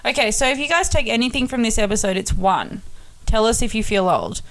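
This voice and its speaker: A woman's voice: a little high, very animated, a little fast, a bit bright. A woman in her twenties with a broad Australian accent, chatting casually as a podcast host, blunt and slangy with plenty of swearing. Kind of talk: casual chat.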